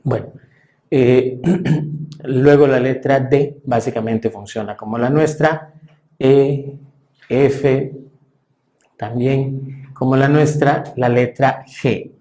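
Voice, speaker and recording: Male teacher, slow deliberate delivery, middle pitch, patient classroom explaining with hesitations. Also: steady tone, mellow. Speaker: German language teacher. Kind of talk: classroom lesson.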